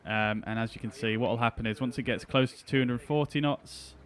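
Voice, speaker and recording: A man's voice: mid-range voice, steady tone, a little fast. A man giving casual, explanatory running commentary as he streams a flight simulator. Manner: chatty, explanatory.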